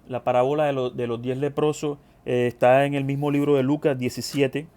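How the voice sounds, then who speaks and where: A man's voice: medium pitch, level tone, brisk, mellow, smooth. A man preaching a sermon, reading scripture and speaking earnestly to his listeners, repeating phrases for emphasis. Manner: addresses brethren directly.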